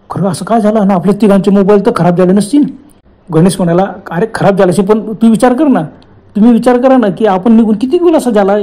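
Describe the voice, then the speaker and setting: A man's voice: high voice, mellow. A man telling a horror story in a casual, conversational way, repeating phrases and acting out the characters' exclamations.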